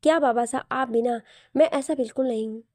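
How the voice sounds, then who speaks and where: A hot-tempered young prince who protests and pleads with his father, as a woman storyteller plays him. Fairly high and mellow, recorded close and dry. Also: a little fast, no echo, lightly acted. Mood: teasing. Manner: protesting, indignant.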